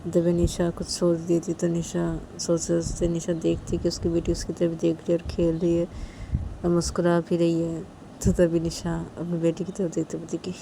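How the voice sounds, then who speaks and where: Low-voiced woman telling a story. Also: completely flat delivery, moderate pace, creaky, dark tone, slight background noise, low-quality recording. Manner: plain, repetitive narration with "to tabhi" links. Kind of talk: casual spoken storytelling.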